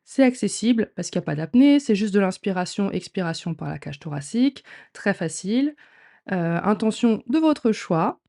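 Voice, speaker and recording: Chatty woman, soft mellow voice. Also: mid-range voice. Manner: informal, upbeat, chatty, with little laughs. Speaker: podcast host, trainee sophrologist. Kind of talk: casual chat explaining a breathing exercise.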